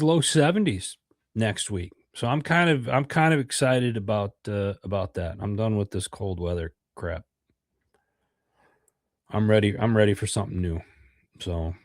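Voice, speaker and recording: A middle-aged American man with a lowish voice hosts a podcast livestream, congested from a cold. He rambles, leaning on fillers and repeated words. It's a dry, studio-quality recording.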